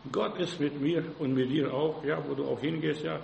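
A man's voice: a little high, moderate pace, vocal fry, darkish tone, reverberant, slight background noise, rough recording. A man preaching a fervent sermon, punctuating nearly every phrase with "ja" and briefly acting out frightened voices. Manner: fervent, repeats "ja" constantly, acts out frightened voices.

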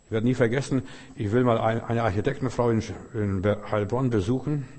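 With a steady, mid-range voice that's slightly fast and darkish, an older man delivers a sermon as a pastor. Long hall reverb surrounds his emphatic, repetitive preaching as he addresses each listener directly.

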